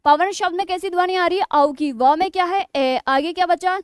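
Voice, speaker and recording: A woman with a very high voice teaches a grammar lesson. She keeps asking her viewers questions, then answers them herself, spelling words out piece by piece. The recording is close and dry, with no room sound. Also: moderate pace, dry recording. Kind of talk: classroom lesson explaining grammar.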